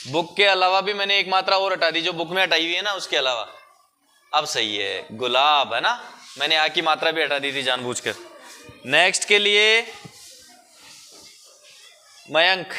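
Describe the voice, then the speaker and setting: A man teaching a primary school class, patiently coaxing the children and drawing words out slowly to show the sounds. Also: high-pitched, sharp tone. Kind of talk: classroom lesson.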